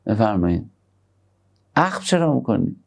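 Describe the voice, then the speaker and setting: Gravelly-voiced man preaching gently. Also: lowish voice, big pitch swings. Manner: conversational preaching, shifts between soft tender asides and emphatic points. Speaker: religious speaker. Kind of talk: sermon on parenting.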